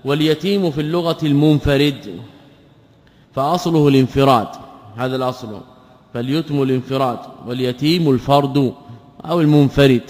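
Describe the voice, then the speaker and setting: A male scholar teaching a classical text. He asks himself rhetorical questions, answers them, and slowly repeats words and patterns for emphasis. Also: medium pitch, steady tone, a little mellow. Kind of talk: lecture explaining a classical text. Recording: long hall reverb.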